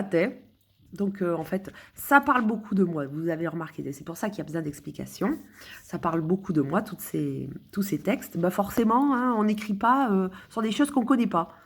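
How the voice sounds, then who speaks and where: Husky, self-mocking woman chatting. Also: low voice. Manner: rambling, self-mocking and joking. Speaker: streamer explaining her own texts. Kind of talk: casual chat with viewers.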